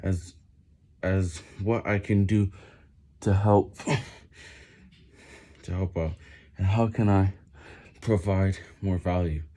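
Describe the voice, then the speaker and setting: A man's voice: sits low, steady tone, slow pace, long pauses, warm tone. A man reading a book aloud while doing push-ups, stumbling over and repeating words under the physical effort. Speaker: vlogger reading on camera.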